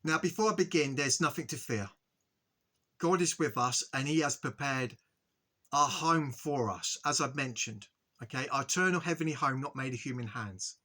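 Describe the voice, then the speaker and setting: A man giving an earnest, halting spiritual monologue to his viewers, often stopping to ask "okay?" and restarting his sentences. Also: mid-range voice, bright, forceful tone. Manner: earnest, repetitive, frequent "okay?" check-ins. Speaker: spiritual video host.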